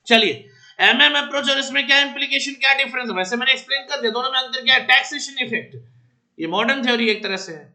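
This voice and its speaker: A man teaching a class, teasing his students and dictating notes slowly, mixing English into Hindi. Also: extremely high pitch, sharp tone, echoey room. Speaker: commerce teacher. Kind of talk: classroom lecture.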